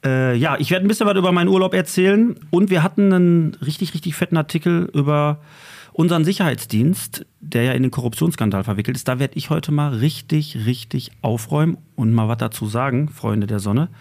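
A man's voice: a little high, creaky, darkish tone. A man, co-hosting a local podcast in teasing, joking banter. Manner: teasing, drawn-out joking delivery. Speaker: podcast co-host.

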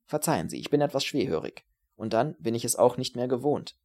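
A man's voice: medium pitch, very animated, fairly quick, darkish tone. A man voicing a polite, hard-of-hearing older café waiter with a formal, deferential manner.

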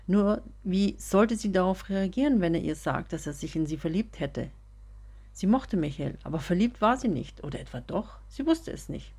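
A woman reading a story aloud as narrator, in a steady, measured way. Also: lowish voice, slightly rough. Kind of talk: audiobook reading.

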